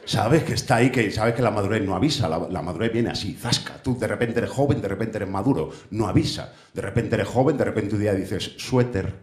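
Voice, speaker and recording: A man's voice: fairly low pitch, fast, hardly any pauses, a little mellow. A man in his thirties with a Spain Spanish accent doing a stand-up comedy monologue on a theater stage, brash and profane, chatting with the crowd. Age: 30s. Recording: echoey theater with faint audience.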